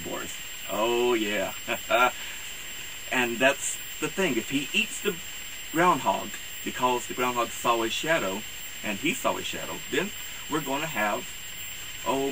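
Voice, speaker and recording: A man speaking as a campy horror host, introducing things in a rambling, halting, theatrical way. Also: medium pitch. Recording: clear hiss and background noise.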